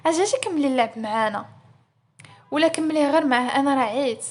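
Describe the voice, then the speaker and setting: A woman's voice: sits high, fast talker, natural voice. A woman with a Moroccan accent voicing a playful, teasing young sister-in-law.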